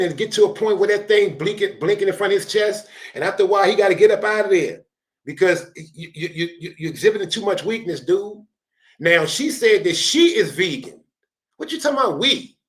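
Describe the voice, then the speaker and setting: A man gives animated, slangy reaction commentary, lecturing in loud bursts. His voice sits fairly high for a man. The recording has a roomy echo around it. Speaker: show host reacting to a dating clip.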